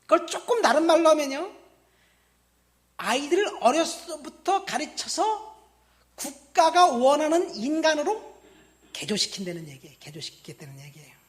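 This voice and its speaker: A woman in her fifties, originally from Busan, delivers a sermon in a high-pitched voice. She hits key words with force, then drops to quiet, almost muttered asides. She keeps turning to the congregation with direct questions. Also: very animated, moderate pace. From Busan, South Korea. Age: 50s. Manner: emphatic preaching that swings between loud stresses and quiet, dropped asides. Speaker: pastor.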